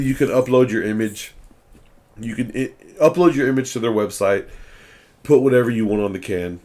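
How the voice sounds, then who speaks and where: A man's voice: on the low side, darkish tone. A young man hosting a podcast, chatting casually over beers, blunt, profane and rambling. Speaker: podcast host.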